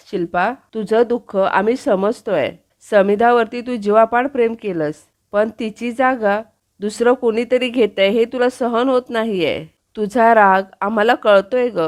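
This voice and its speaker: A woman with a Marathi accent reads out a recap of a TV serial episode at a mid pitch. She delivers the narration and all of the characters' lines in her own plain voice, without acting them out.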